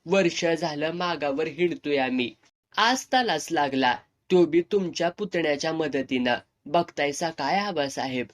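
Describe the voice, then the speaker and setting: A man's voice: a little high, expressive, unhurried, a bit bright. A man reading aloud, voicing a burly, swaggering middle-aged landlord who speaks with cocky mockery in rural dialect. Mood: mocking.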